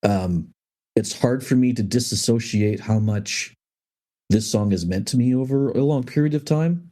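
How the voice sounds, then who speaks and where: A man in his forties on a casual music podcast, his voice shaking as he fights back tears, talking haltingly with many ums and restarts. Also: mid-range voice, mellow. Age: 40s. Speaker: podcast co-host.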